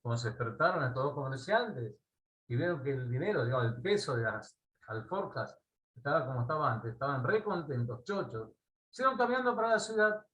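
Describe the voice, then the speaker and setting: A man with an Argentine accent teaching a Torah class. He tells a parable in a lively way and often checks in with his listeners. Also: medium pitch, fairly quick, low-quality recording. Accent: Argentine Spanish. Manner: animated storyteller, asks listeners "¿sí?" often.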